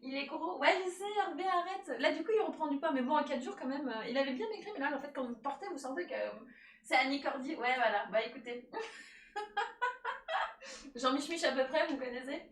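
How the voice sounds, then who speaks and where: Chatty high-voiced woman cooking on stream. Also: animated, normal speed, fairly bright tone, distant mic. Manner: chatty, laughs often, thanks viewers, talks to her cat. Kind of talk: casual live-stream chat while cooking. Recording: echoey room, voice a bit off-mic.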